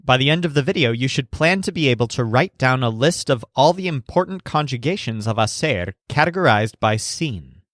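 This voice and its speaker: Animated male language teacher. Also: medium pitch, a little fast, few pauses, no room sound, clean studio sound. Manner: animated storytelling, spelling words out. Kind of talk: scripted narration of a mnemonic lesson.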